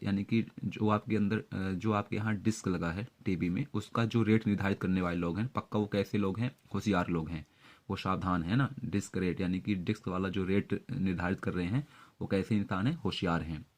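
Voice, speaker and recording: Lower-voiced man teaching vocabulary. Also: steady tone, fairly quick, darkish tone. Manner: explains word tricks step by step, many fillers. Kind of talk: exam-prep vocabulary lesson.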